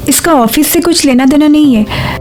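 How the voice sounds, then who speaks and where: A woman's voice: high-pitched, normal speed, music in the background, lightly acted. A young woman playing a tired office worker speaking earnestly in a TV drama. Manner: weary, earnest. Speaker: office employee. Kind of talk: TV drama dialogue.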